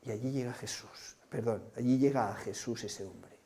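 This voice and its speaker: A man's voice: mid-range voice, normal speed, vocal fry, warm tone, a little hiss or hum. A man preaching a sermon, painting vivid scenes and asking his listeners rhetorical questions. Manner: vivid storyteller, asks the congregation rhetorical questions.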